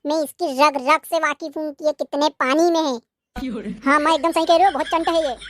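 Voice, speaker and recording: A woman plays a bossy mother-in-law in a cartoon who nags and threatens. Her voice is very high. The sound is dry and close. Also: moderate pace, a bit bright, no room sound. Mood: scornful. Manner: nagging, threatening.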